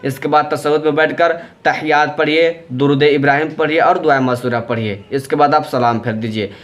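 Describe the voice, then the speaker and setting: A man's voice: fairly high pitch, fairly even intonation, moderate pace. A man giving patient, step-by-step instructions for a prayer, going through each step plainly and repeating them. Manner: plain, patient, repetitive explaining. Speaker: religious teacher.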